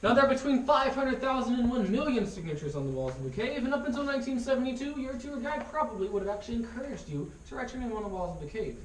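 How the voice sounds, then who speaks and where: A woman's voice: a little high, sing-song, fast, hardly any pauses, slight background noise. A woman guiding a tour group through a cave, explaining things in an informative, lightly joking way, her voice echoing off the rock walls. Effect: cave echo. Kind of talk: guided tour talk. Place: inside a limestone cave. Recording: echoey cave, voice from a distance, tour group around. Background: tour group chatter.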